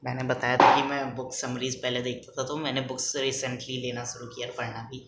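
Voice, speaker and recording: Soft-spoken young man, echoey room. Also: medium pitch, level tone, brisk. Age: young adult. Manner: rambling, hesitant, many fillers. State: speaking softly, kept quiet. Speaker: vlogger. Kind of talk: casual rambling vlog talk. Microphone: phone front camera. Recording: echoey room, faint background noise.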